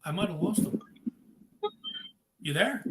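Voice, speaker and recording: A man hosting a live-streamed interview, upbeat and chatty, giving shout-outs to viewers. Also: high-pitched, lively intonation, measured pace. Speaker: podcast host. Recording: echoey room with faint noise.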